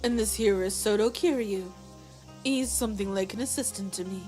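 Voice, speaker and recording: A calm, well-mannered young lady voiced by a woman reading a game aloud, speaking in formal, measured phrases. Her pitch sits in a plain middle register, lower than the reader's own. Faint game music plays underneath. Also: close to an everyday voice. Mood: polite. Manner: courteous, measured. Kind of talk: voicing game dialogue aloud.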